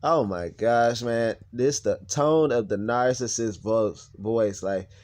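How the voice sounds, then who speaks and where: A young man tells a personal story to the camera in a blunt, heated rant full of profanity. His voice sits in an ordinary middle pitch. He talks in loose, restarting, conversational phrasing. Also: takes it slowly, a little mellow. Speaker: vlogger.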